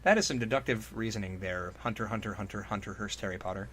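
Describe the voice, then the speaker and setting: Another man co-hosts the comic story reading, delivering dramatic narration punctuated by mocking, exclamatory asides full of swearing. He talks fast in a fairly low, fairly bright voice with a slightly rough edge.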